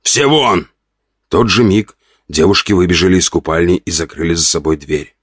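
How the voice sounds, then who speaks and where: Low-voiced male audiobook narrator. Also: fairly quick, slightly rough, dry recording, studio quality. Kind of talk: scripted narration.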